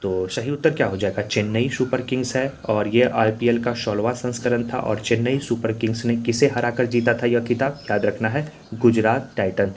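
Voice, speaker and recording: A man's voice: medium pitch, fairly even intonation, moderate pace, hardly any pauses, a little hiss or hum. A man teaching as an exam coach, working through quiz questions and answers in a repetitive, drilling manner. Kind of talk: quiz answer walkthrough lesson.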